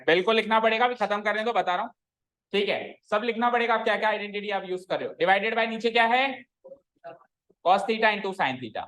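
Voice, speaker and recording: A man's voice: high voice, brisk, a bit bright, low-quality recording. A man teaching a maths class online, explaining steps and often asking students if anything is unclear. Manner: checks often for doubts, informal Hindi-English mix.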